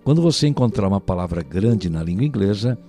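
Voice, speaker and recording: Lively low-voiced Brazilian teacher. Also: male voice, fast talker, soft background music. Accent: Brazilian Portuguese. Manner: patient, explanatory, keeps asking "né?". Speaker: language teacher. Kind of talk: recorded language lesson.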